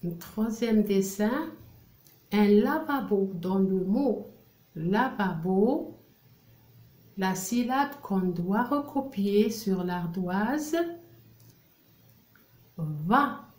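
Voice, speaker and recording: A woman teacher, slowly drilling French syllables for young children and repeating each one. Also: mid-range voice, animated, a little mellow. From Algeria. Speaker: primary school French teacher. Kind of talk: reading lesson for young children. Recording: roomy echo.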